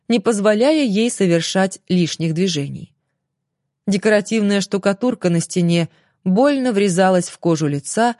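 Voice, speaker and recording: A woman narrates an audiobook with an expressive, dramatic delivery. Her voice sits at a middling pitch. The recording is dry and close, with no room sound. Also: no room sound. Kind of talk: scripted narration.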